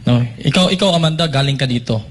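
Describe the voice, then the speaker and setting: A man's voice: medium pitch, quick pace, a little hiss or hum. A Filipino man making an impassioned, accusatory statement on behalf of his church. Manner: accusatory, emphatic. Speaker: church member speaking out.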